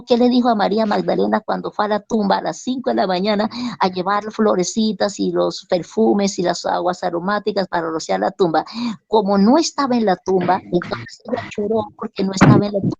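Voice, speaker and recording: A woman's voice: medium pitch, gravelly, darkish tone, no room sound. A woman giving a conversational Bible teaching, telling the story with rhetorical questions. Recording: dull lo-fi recording.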